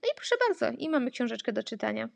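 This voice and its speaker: Chatty woman with a high, dry voice. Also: animated, creaky, no room sound. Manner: chatty, with many fillers and pauses. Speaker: therapist making reading materials. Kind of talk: casual craft tutorial voice-over.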